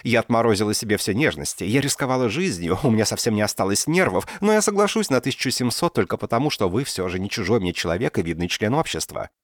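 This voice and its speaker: A man's voice: lowish voice, lively intonation, quick pace, hardly any pauses, dry recording, clean studio sound, pitched above the performer's own voice. A man voicing a brash, grumbling young woman hunter who haggles mockingly, in an audiobook. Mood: mocking haggling. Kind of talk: audiobook character voice.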